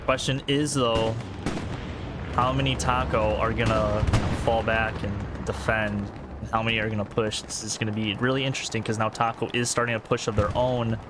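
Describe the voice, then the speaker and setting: A man casting a competitive video game match play-by-play, tired and a little out of breath, talking quickly and getting excited at big plays. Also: lowish voice, very noisy. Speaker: esports caster. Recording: game gunfire and artillery behind.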